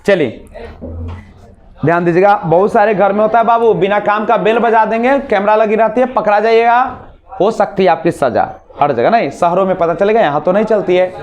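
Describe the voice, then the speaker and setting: A man teaching a spoken English class, explaining slowly and repeating words as pronunciation drills. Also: sits high, darkish tone. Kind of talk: classroom lesson in Hindi and English.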